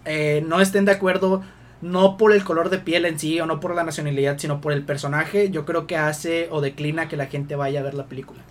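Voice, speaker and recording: A man on a casual podcast panel, making measured arguments. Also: fairly high pitch, fairly even intonation. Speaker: podcast co-host.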